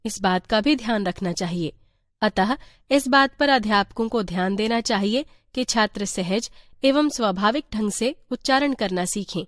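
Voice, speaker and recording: A woman reading a teacher's guide aloud in an even, measured voice. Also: mid-range voice, no room sound, clean studio sound. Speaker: textbook reader.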